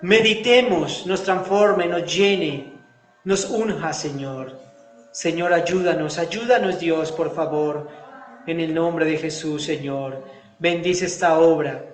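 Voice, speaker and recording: A man with a high voice preaches at a slow, deliberate pace. He swings between emphatic bursts and quiet, fervent prayer. His voice rings out in an echoey church room. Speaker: pastor. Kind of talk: sermon and spoken prayer.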